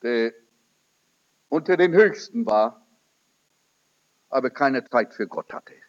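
A man's voice: sing-song, slow. A man preaching a sermon, telling a testimony as a story and quoting the people in it. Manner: storytelling, quoting in lowered voice, rising emphatic peaks. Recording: dull lo-fi recording.

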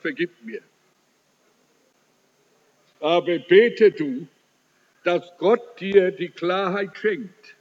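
Slow high-voiced man preaching in a hall. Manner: slow, emphatic preaching with sudden rises and drops in pitch; addresses listeners directly, scolding. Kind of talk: sermon. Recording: dull, muffled recording in a reverberant hall.

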